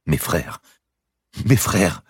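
A man's voice: deep voice, expressive, drawn-out words, breathy edge, no echo, clean studio sound, voice pushed up, full character voice. A man voicing a stammering old monk overcome with tearful relief, in a storybook reading. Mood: tearful joy. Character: old monk visitor, broken teeth, tearful joy.

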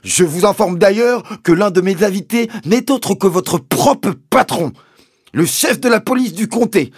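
A man's voice: animated, measured pace, husky, no echo, studio quality, exaggerated voice. A man voicing a furious, pompous rich landowner who shrieks his accusations. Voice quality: shrill, shouting.

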